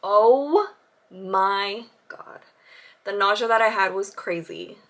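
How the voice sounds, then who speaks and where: Female vlogger, 30s, bright and clear tone, casual rambling delivery with light laughs, talking while putting on makeup. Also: mid-range voice, fairly even intonation, slow, a little hiss or hum. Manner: chatty, laughs often, many fillers. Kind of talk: casual chat to camera. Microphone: camera with side viewfinder.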